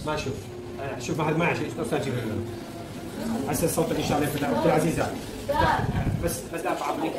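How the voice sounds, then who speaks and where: A man, a faith healer leading a public healing session, loud and commanding as he urges people on. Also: fairly high pitch, rapid-fire, long pauses, very noisy. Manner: loud, commanding, urging and encouraging. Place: large indoor hall. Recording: echoey hall from far off, loud crowd.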